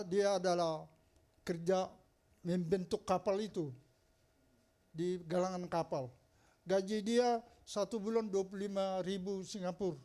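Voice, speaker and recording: A man with a notably high voice preaches in church in a loose storytelling way. He jokes through his anecdotes and laughs often, keeping the sermon chatty and warm-humored. It sounds like a pastor talking straight to his congregation.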